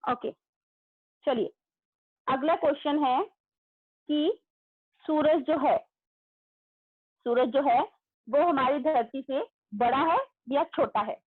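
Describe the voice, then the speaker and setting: A school teacher with a high-pitched voice runs an online class for young pupils, speaking loudly, calling on students one by one and praising right answers. She goes slowly and pauses often. The sound is thin and phone-like, with no room echo.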